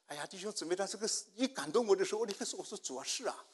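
An older man preaching a sermon, telling a personal testimony and swinging from hushed prayer to loud outbursts. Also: high-pitched, expressive, racing, breathy edge. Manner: storytelling, swinging from hushed to shouting.

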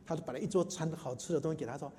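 A man's voice: fairly high pitch, very fast, warm tone. A man preaching a sermon and telling a story, emphatic, repeating phrases and putting questions to the congregation. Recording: long hall reverb.

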